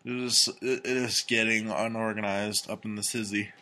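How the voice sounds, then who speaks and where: A man co-hosting a casual comedy podcast, reading strange news stories and personal ads aloud with crude, deadpan jokes. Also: fairly low pitch, normal speed. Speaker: podcast co-host.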